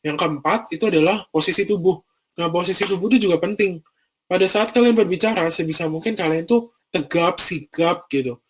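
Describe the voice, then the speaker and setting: A young man with a Bandung Indonesian accent gives a casual training talk to a youth group. He explains things step by step, with many fillers. His voice sits a little high for a man. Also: brisk, husky.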